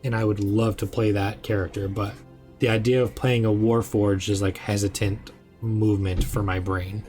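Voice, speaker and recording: Rambling young game master, faint music under. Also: male voice, on the low side, normal speed. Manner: rambling, filler-heavy, excitable. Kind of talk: casual chat on a live stream.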